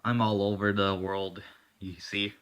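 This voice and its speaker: Smug, calm gang boss villain, played by a man, low-pitched with a bright, forceful edge. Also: unhurried, clear, resonant tone.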